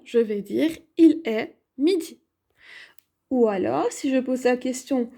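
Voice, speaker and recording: Woman, bright high voice, patient classroom explainer, repeats key points, talks through each step. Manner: slow, clear, repetitive explanation with questions to herself. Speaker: French teacher. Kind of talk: grammar lesson at a whiteboard.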